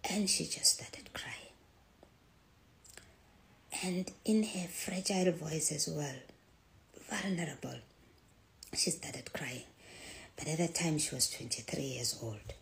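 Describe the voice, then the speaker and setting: A middle-aged woman telling a personal story in a soft, hushed voice that often drops to a near whisper. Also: deep voice, slow pace, creaky, long pauses, poor audio.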